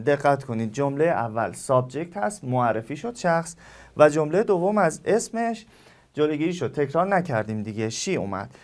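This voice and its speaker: A male English teacher with a Persian accent, a native Persian speaker, giving a recorded lesson and explaining slowly with repeated examples. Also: a little high, darkish tone.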